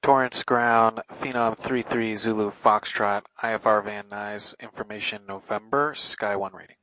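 A man speaking as a pilot on the radio in a hesitant, halting way, with dull lo-fi audio. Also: lowish voice, steady tone, pushed and bright, no echo.

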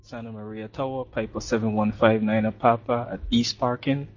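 A man's voice: on the low side, steady tone, moderate pace. A man speaking as a pilot making procedural radio calls to the tower. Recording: dull lo-fi radio audio.

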